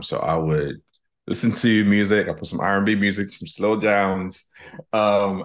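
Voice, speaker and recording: Very deep-voiced man telling his story. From Nigeria. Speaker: guest, executive coach. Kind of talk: reflective storytelling. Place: home office, video call. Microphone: headset.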